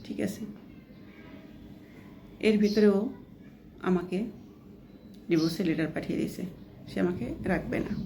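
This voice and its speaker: Low, gravelly-voiced woman telling a story. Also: mellow, slight background noise. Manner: chatty, often adds a checking tag question; plainly quotes others within the story. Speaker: vlogger. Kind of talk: casual first-person storytelling.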